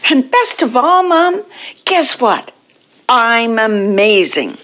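A woman's voice: a little high, wildly swooping pitch, very slow, fairly bright tone, pitched above the performer's own voice, heavily acted. A woman voicing a curious little boy kitten in a children's story, asking questions in a wondering little-kid voice. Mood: proud.

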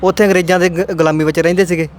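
A man's voice: sits high, little pitch movement, rapid-fire. A man, a laborer, talking earnestly and pleadingly in a casual interview. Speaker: deported laborer.

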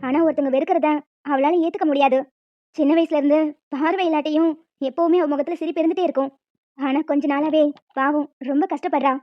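Woman voicing a gentle, wise aunt. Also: high-pitched, quick pace, no echo, pitched below the performer's own voice, close to an everyday voice. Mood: advising. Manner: gentle, advising, calm. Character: kind, wise middle-aged aunt. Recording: dull lo-fi audio with music.

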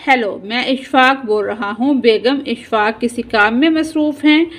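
A woman's voice: on the high side, a little slow, natural voice. A woman reading the part of an irritable, sick middle-aged husband who groans and complains.

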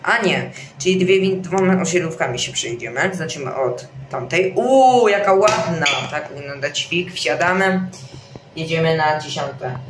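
A man's voice: a little high, expressive, a little slow, noisy background. A young man casually commenting on a game he is playing, rambling with many fillers and restarts. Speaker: gaming channel host. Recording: roomy echo, faint game music behind.

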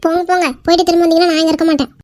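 A woman voicing an angry, hurt young wife in a cartoon skit, scolding with quick indignant retorts. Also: very high voice, little pitch movement, a little mellow, no echo, studio quality.

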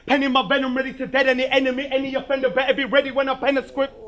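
Brash battle rapper, high and bright. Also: male voice, completely flat delivery, lo-fi sound. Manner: brash, rhymed insults delivered fast and loud. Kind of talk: rap battle verse. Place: live battle venue.

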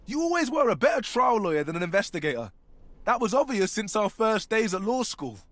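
An actor playing a sardonic but idealistic vigilante superhero who banters, in a video game. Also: male voice, sits high, very animated, brisk, fairly bright tone, no echo. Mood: surprised, teasing. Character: wry idealistic male vigilante superhero, banters with old friends.

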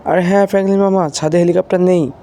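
A man voicing Shinchan, an excitable little boy who keeps calling out loudly during a mobile game roleplay. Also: high voice, very fast. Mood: insistent. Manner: calls out loudly and repeatedly.

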